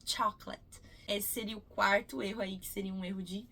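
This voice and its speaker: A Brazilian woman in her thirties teaching English in a casual video, patiently repeating example words slowly. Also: mid-range voice, fairly even intonation, creaky, fairly bright tone. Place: cruise ship.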